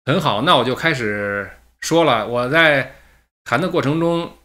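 Man, livestream host, casual chat, middle-pitched voice, reads out a letter. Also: a little slow, sharp tone. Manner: checks his mic sound with viewers, then reads a listener letter aloud. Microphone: streaming mic with a noise gate.

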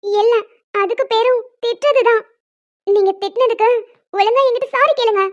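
A woman voicing a young woman in an animated cartoon, a fretful bride-to-be who sulks and picks mock quarrels with her fiancé. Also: extremely high pitch, normal speed, highs cut off. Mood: sulky.

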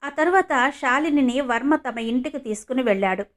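Woman narrating a story, somewhat high. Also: moderate pace.

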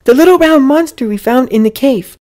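An excited little boy, put on by a woman reading a storybook aloud rushes out his words in a raised, high-pitched voice. He sounds urgent and eager, his tone lifted well above an adult's. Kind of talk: storybook character voice.

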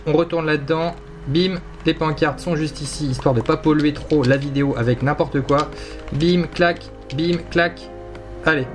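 A young man casually commenting on his Minecraft gameplay, rambling playfully, teasing and mocking himself. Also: on the high side. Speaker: gaming YouTuber.

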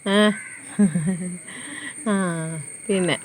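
A woman's voice: mid-range voice, fairly even intonation, very slow, slight background noise. A woman playing a miming game with her daughter, teasing her and giving orders in casual family chat. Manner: playful, teasing, bossy game-giver.

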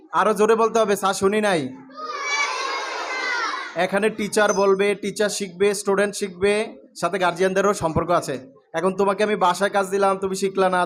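A man teaching English to a room of schoolchildren, asking questions and calling out letters loudly. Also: high-pitched, slight background noise. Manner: calls out questions and drills the class, often loudly. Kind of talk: classroom lecture to students. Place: classroom with pupils.

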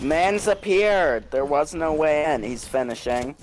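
A man's voice: on the high side, expressive, measured pace, background noise. Casual man bantering over a game. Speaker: gamer. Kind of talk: casual gaming chat with friends.

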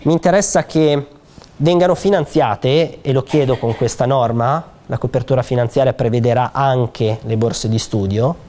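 A man with a mellow, medium-pitched voice explains a proposed law to an audience in a theater. He talks conversationally, pausing on fillers and restarting sentences as he goes. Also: slight background noise. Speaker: speaker presenting a bill at a public conference. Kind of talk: explanatory public talk. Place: theater hall.

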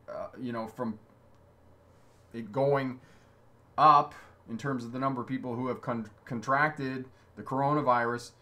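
A man's voice: medium pitch, sharp tone. Upbeat man answering viewer comments live. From Ontario, Canada. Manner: reads viewer questions aloud, upbeat encouraging replies. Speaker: driving instructor and channel host. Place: indoor home studio with signs on the wall.

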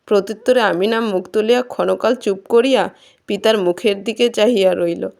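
A woman storyteller reading a classic literary tale in a calm, measured way. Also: medium pitch, vocal fry.

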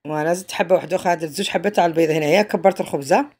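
A woman's voice: lowish voice, rapid-fire, a little mellow, slightly rough. A woman with an Algerian Arabic accent, narrating a home cooking tutorial in a chatty way, often trailing off mid-phrase. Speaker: home cook.

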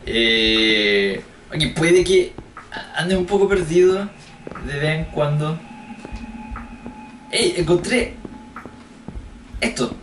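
A man's voice: fairly high pitch, lively intonation, very slow, long pauses, fairly bright tone, distant mic, slight background noise. A man giving chatty gameplay commentary, joking and thinking aloud as he explores. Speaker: let's play gamer. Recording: roomy echo, voice a bit off-mic. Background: game music.

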